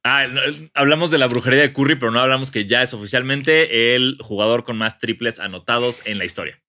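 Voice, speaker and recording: A man's voice: medium pitch, fairly quick. A young man with a Mexican accent, co-hosting a podcast and telling stories in casual, slangy chat. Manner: slangy, animated storytelling. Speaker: podcast co-host.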